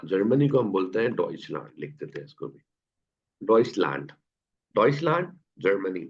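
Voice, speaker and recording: Guy teaching an online class over a video call, gravelly voice, quizzes students patiently. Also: low voice, sing-song. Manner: patient, quizzes students and repeats words slowly. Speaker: German teacher. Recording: dull lo-fi online class audio.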